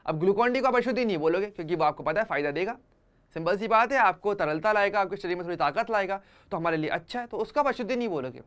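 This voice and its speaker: A man's voice: high voice, animated, fast talker, fairly bright tone, clear, resonant tone. A man teaching an online chemistry class for exam students, conversational, using everyday examples and often checking that students follow.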